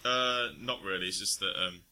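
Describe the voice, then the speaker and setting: A man's voice: deep voice, normal speed, bright, forceful tone. A man co-hosting a casual podcast, talking in a rambling, hesitant way with many fillers. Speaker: podcast co-host. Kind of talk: casual chat.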